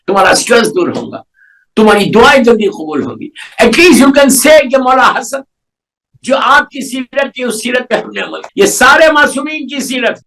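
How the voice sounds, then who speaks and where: A man's voice: extremely high pitch, a bit bright, low-quality recording. A male preacher with a Pakistani Urdu accent giving a sermon, telling a story and then urging his listeners with rising passion, dropping English words into his Urdu. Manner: rises to impassioned exhortation. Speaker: Shia preacher.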